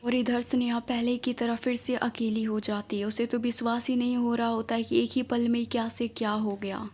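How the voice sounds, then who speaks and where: Woman telling a story, fairly high voice. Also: darkish tone. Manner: conversational, plain storytelling. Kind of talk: storybook narration.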